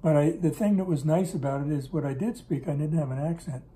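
Speaking fast in a mellow, slightly high voice, an older man tells stories about his business in Russia. The interview is casual and takes place indoors at his kitchen table, where he rambles and keeps correcting himself. A camera sits on the table in front of him to record.

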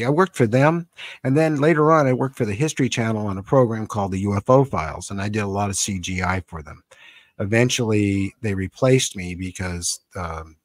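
Reading comments aloud and responding on a casual live stream, a Northern Californian in his seventies from San Francisco talks in a halting, rambling, conversational manner. He's on a close boom-arm studio mic with headphones in a small, cluttered indoor home studio, and his low-ish voice has no room sound.

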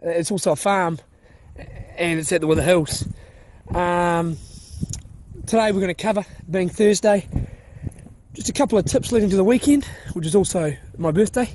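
Young man, high voice, casual walking vlog, deadpan humour, phone held at arm's length, faint outdoor background noise. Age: young adult. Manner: deadpan joking, playful. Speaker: vlogger. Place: outdoors on a hill walk in a park.

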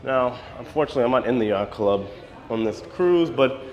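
Holding his camera at arm's length, a thirty-something American travel vlogger narrates a relaxed stroll through a cruise ship, both on deck and inside. He speaks briskly and expressively at medium pitch with a darkish tone, and the audio is dull with slight background noise.

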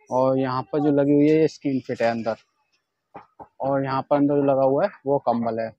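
A man's voice: mid-range voice, no room sound, lo-fi sound. A man from India giving a chatty walkthrough of leather shoes in a casual vlog, often calling out to his viewers as friends. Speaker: vlogger showing shoes for wholesale. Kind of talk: casual product demonstration vlog.

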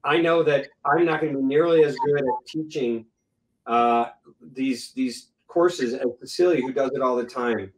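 A man's voice: medium pitch, normal speed, echoey room, recorded from a distance, rough recording. A man moderating a medical panel discussion, explaining terms plainly and making joking asides.

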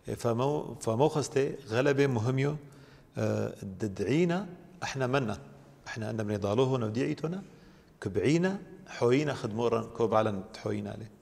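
A priest speaks quickly, laying out religious teaching in long, steady explanations. His voice has a gravelly, creaky edge. A long reverb trails behind him in the room. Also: medium pitch. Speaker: priest guest.

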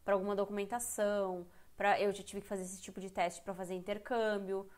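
A Brazilian woman teaches English in a live online lesson, speaking candidly and chattily in a Brazilian Portuguese accent and often breaking off to restart her sentences. Her medium-pitched voice is a little mellow and a little fast, with little pitch movement, picked up by a computer mic on a live stream.

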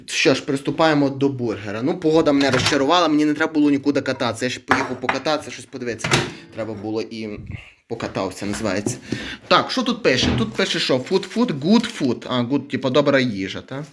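Fast-talking young vlogger man. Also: mid-range voice, lively intonation, noisy background. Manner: chatty, rambling, wry about his own channel. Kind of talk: casual vlog, reading comments.

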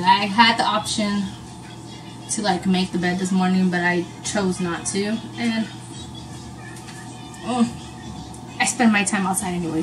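A young woman talks casually to her phone camera at home, rambling with plenty of fillers. She sounds worn out, and soft background music plays throughout the recording. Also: mid-range voice, low-quality recording. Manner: chatty, rambling with many fillers. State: tired. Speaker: vlogger. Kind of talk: casual day-in-the-life vlog.

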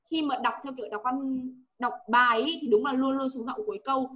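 A woman teacher with a Vietnamese accent coaches a pupil's English pronunciation. Her voice sits a little high, and she is patient, saying each word again and again for the pupil to repeat. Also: fairly even intonation, a little fast, bright, forceful tone. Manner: patient, repeats words for the student to echo.

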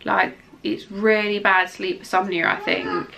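A woman's voice: medium pitch, fairly even intonation, a little slow, creaky, pushed and bright. A young woman giving a casual pregnancy update vlog, rambling and emotional, exhausted and near tears, with lots of ums and restarts. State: exhausted and tearful. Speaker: vlogger.

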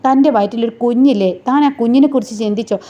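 Woman doing stern female senior officer, scolding and commanding, fast and mellow. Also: on the high side, dull audio, close to an everyday voice.

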